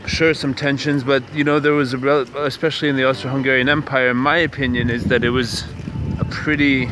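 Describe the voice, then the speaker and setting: A young Canadian man hosts a casual walking vlog outdoors on city streets, musing aloud with many fillers and restarts. His mid-range voice is flat and brisk, and the recording carries outdoor street noise.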